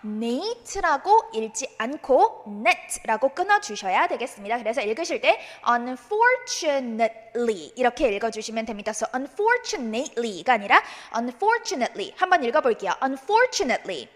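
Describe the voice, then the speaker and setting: A woman teacher giving a recorded exam-prep lecture, drilling English pronunciation by modeling words slowly and having students repeat. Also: on the high side, sing-song, long reverb tail. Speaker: English speaking test teacher.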